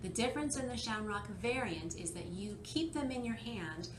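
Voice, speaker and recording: A woman's voice: on the high side, animated, normal speed. A woman presenting a card game tutorial, explaining the rules step by step in a plain, demonstrative way. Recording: echoey room with clear background noise.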